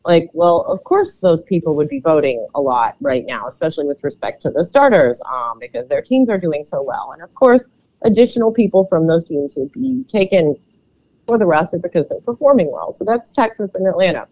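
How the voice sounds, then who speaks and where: A woman with a froggy, slightly croaky voice co-hosting a sports podcast in casual, conversational commentary, often hedging her points. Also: fairly low pitch, animated, a little fast, dark tone, dry recording. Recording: dull, lo-fi microphone sound.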